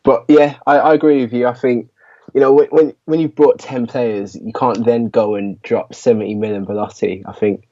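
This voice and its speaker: A man's voice: mid-range voice, fairly even intonation, normal speed, dark tone. A man co-hosting a casual fan podcast, agreeable and easygoing, filling his talk with "yeah" and "you know". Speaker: podcast co-host. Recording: dull lo-fi audio.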